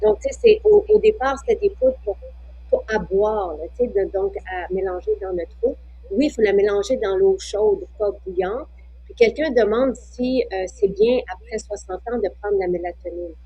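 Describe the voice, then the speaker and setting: A woman's voice: medium pitch, lively intonation, moderate pace, dark tone, husky, muffled recording. A woman with a Quebec French accent hosting a casual chat, chatty, sharing her own habits and reading out viewer questions. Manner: chatty, shares personal habits. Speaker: host of the show.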